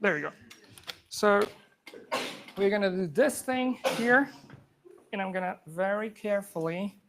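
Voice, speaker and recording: Over a noisy background, a man from Afghanistan with a high voice demos software live for a room audience. He's a software engineer, informal and fast, with frequent restarts, on a handheld or clip mic.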